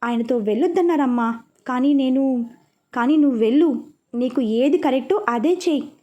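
Woman reading as a gentle caring mother. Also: high voice, normal speed, highs cut off, natural voice. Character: caring, anxious middle-aged mother.

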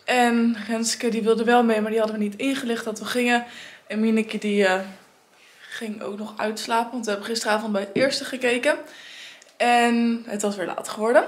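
This family vlogger is a young woman in her late teens whose voice is on the high side, steady in tone and moderate in pace. She chats cheerfully and enthusiastically to a handheld phone camera in casual vlog style.

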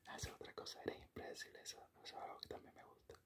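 An ASMR performer plays an affectionate, doting boyfriend, whispering tender, intimate praise in a soft, breathy voice right at the ear on a close-up microphone. His murmured sweet words come out rapid-fire.

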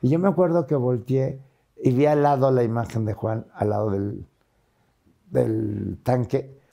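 A man's voice: mid-range voice, steady tone, a little slow, vocal fry, dark tone. An older man with a Mexican accent, a guest in a casual interview, retelling a hard time in an earnest, emotional way.

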